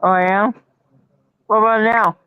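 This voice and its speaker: A friend on a video call, speaking in a halting, laid-back way, heard through buzzy, glitchy audio that cuts out and turns robotic. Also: medium pitch, steady tone, clear, resonant tone, dry recording. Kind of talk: casual chat. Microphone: phone on a video call. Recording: dull, lo-fi phone call audio.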